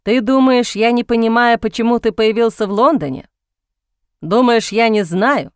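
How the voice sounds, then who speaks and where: A woman's voice: mid-range voice, animated, a little slow, dry recording, studio quality, close to an everyday voice. A woman voicing a proud, earnest younger brother who speaks in curt, clipped phrases, in a storybook reading. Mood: angry.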